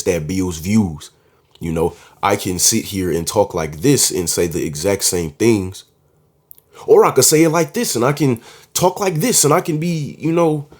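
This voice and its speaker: A man's voice: on the low side, darkish tone, slightly rough. A man talking casually to camera, giving dating advice in a confident, slangy way and often calling the listener "bro". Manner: confident, emphatic.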